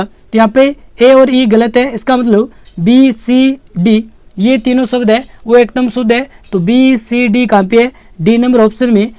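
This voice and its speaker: A woman teacher giving an exam-prep lesson, in a steady, patient way that repeats key points as reminders. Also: on the high side, no room sound.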